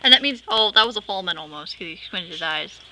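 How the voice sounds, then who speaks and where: A woman's voice: on the low side, animated, fast, pushed and bright. A young woman filming in a pet store, chattering playfully about the birds and talking to them. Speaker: camera holder narrating. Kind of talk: casual handheld vlog. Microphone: handheld camera mic. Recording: noisy pet store camera audio. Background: chirping birds and store noise.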